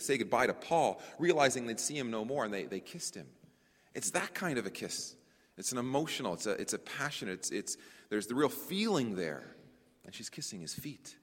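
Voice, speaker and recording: A man preaching a conference sermon to brothers and sisters, animated, often repeating words as he searches for the phrasing. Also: medium pitch. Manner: addresses listeners as brothers and sisters. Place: conference hall. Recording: long hall reverb.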